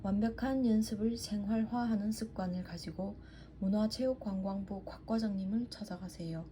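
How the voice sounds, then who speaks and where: A woman with a Yanbian Chinese-Korean accent reading practice sentences aloud with careful, deliberate enunciation. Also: mid-range voice, warm tone. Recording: muffled, with faint background noise.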